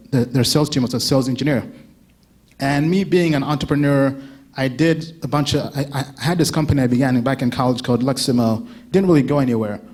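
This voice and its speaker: Husky and a bit dark in tone, this medium-pitched male voice belongs to a Ugandan man in his thirties giving a casual conference talk. He chats with listeners, asks them questions and laughs often.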